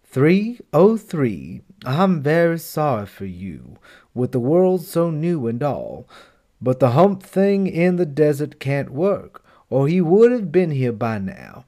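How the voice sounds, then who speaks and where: A man voicing a stern grown man in charge in a storybook reading, delivering a ruling in a calm, firm tone. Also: fairly high pitch, slow pace.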